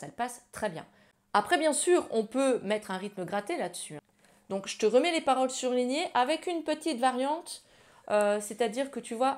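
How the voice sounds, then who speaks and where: A woman giving a casual ukulele lesson, chatting directly to the viewer and walking through strumming patterns. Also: mid-range voice. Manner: chatty, addresses viewer as tu, sings lyrics while strumming. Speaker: ukulele teacher. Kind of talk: ukulele tutorial for children's songs. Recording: ukulele loud under voice. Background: ukulele playing.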